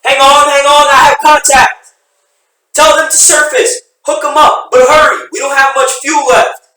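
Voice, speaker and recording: A man doing a frantic yelling helicopter crewman. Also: very high-pitched, little pitch movement, unhurried, voice pushed up, heavily acted. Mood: urgent. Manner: yelling urgently. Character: male helicopter crewman shouting over noise. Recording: echoey room, voice from a distance.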